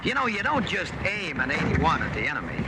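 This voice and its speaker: A man's voice: fairly high pitch, wildly swooping pitch, a little fast, very noisy. A man narrating an old newsreel in the folksy, plain-spoken voice of an infantryman.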